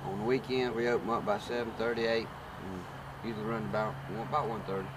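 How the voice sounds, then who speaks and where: A man answering casually and haltingly in an interview as an attraction operator. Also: on the low side. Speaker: haunted trail operator being interviewed. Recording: noisy outdoor recording with steady background noise.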